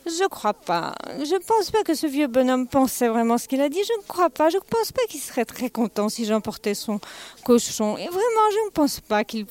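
A woman voicing a sly, calm male devil who muses aloud and repeats himself softly in a storybook tale. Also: sits high, normal speed. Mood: pondering.

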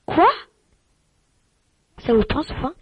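A woman's voice: takes it slowly, dull audio, slight background noise. A woman hosting a mock radio show in an improvised comic sketch, scolding and swearing with many "hein" fillers.

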